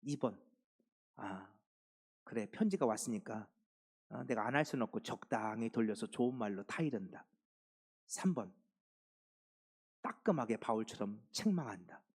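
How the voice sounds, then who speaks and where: A man's voice: fairly low pitch, lively intonation, normal speed, pauses often, a little mellow, slightly rough. A man in his fifties, a pastor preaching a sermon and posing questions to his congregation.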